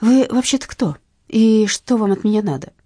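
A prickly, defiant young woman snapping back on the phone in an audiobook, voiced by the woman reading. Her voice is dark and husky, and it leaps around lively. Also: medium pitch, moderate pace, no echo, clean studio sound, voice pushed up. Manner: blunt, rude, irritable. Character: young red-haired heroine, sharp-tongued and defiant. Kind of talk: audiobook narration.

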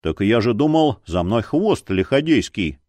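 A man's voice: on the low side, big pitch swings, a little slow, a little mellow, no echo. A man doing an aging easygoing cook. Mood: innocent. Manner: drawling, bantering, defensive. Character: aging male cook, easygoing, joking and self-deprecating.

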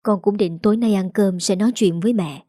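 A woman voicing a strong, resigned young wife who speaks quietly. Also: mid-range voice, brisk, no echo, studio quality, natural voice.

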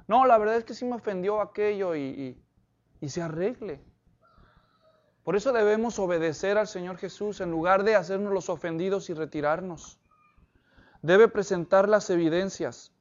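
A man's voice: high-pitched, moderate pace, lo-fi sound. A man preaching an expository sermon, asking the congregation questions and telling stories to illustrate his points. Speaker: pastor.

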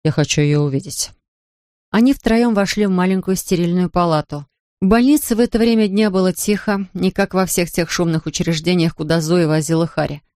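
An audiobook narrator reading a novel in an even, steady storytelling voice. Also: mid-range voice, brisk, no echo, clean studio sound. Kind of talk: scripted narration.

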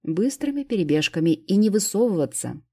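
A woman's voice: low-pitched, normal speed, mellow, husky. A woman reading as a brusque commanding young man. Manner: curt barked orders.

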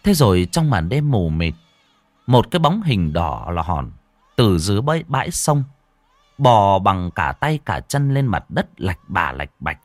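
A man narrating a ghost story in a dramatic style, dropping to a hush and then surging. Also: low voice, sing-song, unhurried, dry recording. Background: faint music.

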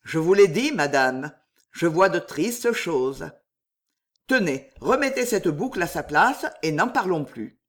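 A mysterious count, read by a narrator, speaks slowly and deliberately, his words ominous and measured. The delivery is lively in pitch despite the unhurried pace. An audiobook character. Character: mysterious count, calm prophet of doom. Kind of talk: audiobook reading.

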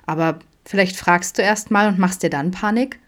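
A woman's voice: lowish voice, normal speed, fairly bright tone, lightly acted. A woman voicing Vincent, a friendly, open young man with a playful, teasing way of talking, in an audiobook. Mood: earnest.

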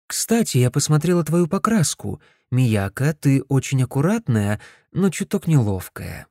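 A man's voice: medium pitch, very animated, a little slow, warm tone, no room sound, studio quality, pitched above the performer's own voice. A man voicing a brash, teasing older sister.

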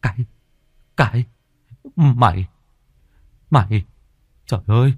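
A man voicing a panicked young master who stammers and shouts. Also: rumbling low, very animated, normal speed, vocal fry, breathy edge, no room sound, studio quality, pitched below the performer's own voice, heavily acted.

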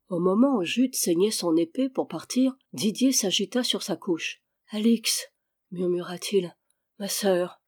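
A woman calmly reading a classic adventure novel aloud as an audiobook, giving the dialogue light voicing. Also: fairly low pitch, breathy edge. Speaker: audiobook reader.

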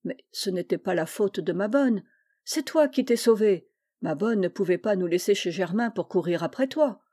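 A woman's voice: medium pitch, animated, normal speed, mellow, no echo, studio quality, close to an everyday voice. A woman voicing a blunt, bossy young boy in a storybook reading. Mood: scolding. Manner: blunt, scolding. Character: bossy, teasing young boy, her brother.

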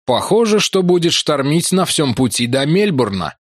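A man's voice: on the high side, very animated, normal speed, slightly rough, dry recording, voice pushed up. Man doing a plain-spoken ship's mate. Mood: puzzled. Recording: dry close studio sound.

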